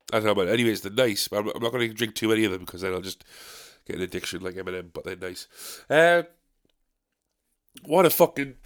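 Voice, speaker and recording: In a dark bedroom, a man sits at a desk with a badly positioned desk mic, chatting casually on his solo podcast. Getting over a cold, he has a deep, gravelly, nasal voice with a slightly bright edge, and he meanders, swears often and laughs at himself.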